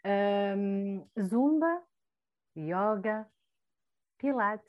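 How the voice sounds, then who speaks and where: A woman leads a casual language lesson, patiently walking through Portuguese vocabulary. She explains things step by step with frequent fillers. Her voice sits at an everyday mid pitch. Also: animated, drawn-out words, highs cut off. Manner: explains with many fillers and French-Portuguese switching. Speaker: Portuguese teacher.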